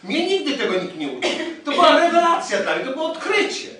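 Lively preaching man in echoey hall. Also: very high-pitched, fast. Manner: animated storytelling, addressing the congregation. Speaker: pastor. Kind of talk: sermon. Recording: echoey hall, distant mic.

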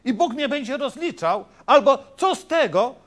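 Man, middle-aged, pastor, sermon, emphatic, high voice, lively intonation. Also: moderate pace. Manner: emphatic, asks the congregation "tak?" and "wiecie?".

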